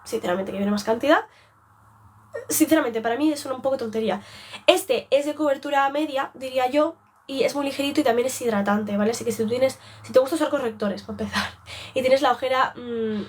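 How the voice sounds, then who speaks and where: A woman's voice: high-pitched, fairly quick. A young woman from Spain with a Spanish accent, chatting casually on a live beauty stream and rambling off track. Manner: rambling, chatty, self-interrupting.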